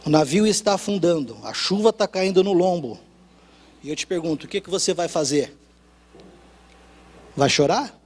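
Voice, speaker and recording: A Brazilian man preaches with a high, carrying voice. He drops to hushed, low lines, then climbs back up to loud, rising ones. He acts out the dialogue in the stories he tells. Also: animated, moderate pace, long pauses. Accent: Brazilian Portuguese. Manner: storytelling with acted dialogue. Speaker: pastor. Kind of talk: sermon.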